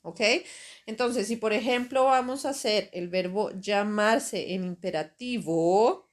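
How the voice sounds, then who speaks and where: A woman, teaching grammar at an unhurried pace. She explains one step at a time in a patient way and keeps checking that her students follow. Her voice sits at an ordinary middle pitch. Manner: slow, patient explaining with frequent "¿ok?" and "¿cierto?" checks. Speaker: Spanish teacher. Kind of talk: grammar lesson over slides.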